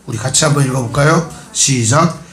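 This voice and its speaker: A man's voice: mid-range voice, a little fast, a bit bright. A male pastor with a cold, preaching in a chatty way that quizzes his congregation and slips in jokes. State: has a cold. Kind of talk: sermon. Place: church sanctuary. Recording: echoey church hall.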